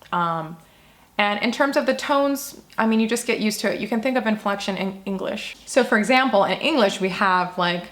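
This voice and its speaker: A woman's voice: medium pitch, a bit bright. Upbeat woman giving chatty learning tips. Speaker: language-learning YouTuber. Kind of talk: casual advice vlog.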